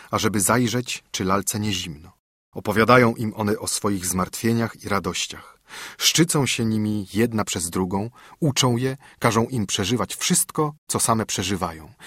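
Husky male audiobook narrator. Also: on the low side, fairly bright tone, dry recording, studio quality.

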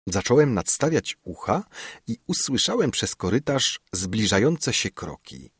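A man's voice: lowish voice, big pitch swings, unhurried, slightly rough, no room sound, clean studio sound. A man narrating a classic novel in the first person, reading expressively with dramatic shifts. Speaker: audiobook narrator. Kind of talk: literary audiobook narration.

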